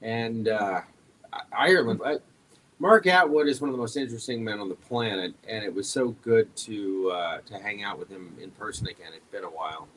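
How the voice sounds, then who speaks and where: A man co-hosting a casual roundtable chat, easygoing and wry, with many filler pauses. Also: on the low side, a bit bright, slight background noise, poor audio. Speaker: show co-host.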